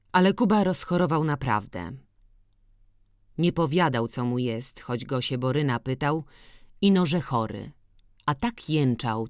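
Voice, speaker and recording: A woman reads a classic novel aloud in a slow, unhurried, measured narration. Her voice sits in a middle register and the recording is dry and close, with no room sound. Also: rumbling low, dry recording. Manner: slow, measured, even reading. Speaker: audiobook narrator.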